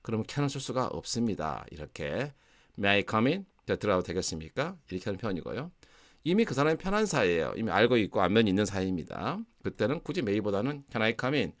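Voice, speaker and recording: A man with a Gwangju Korean accent explains English grammar in a low voice that swings widely in pitch. He acts out little example conversations and slows to a crawl on the English sentences, like a teacher drilling a class. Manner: lively explaining, acting out example dialogues, slowing for English phrases. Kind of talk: online English grammar lesson.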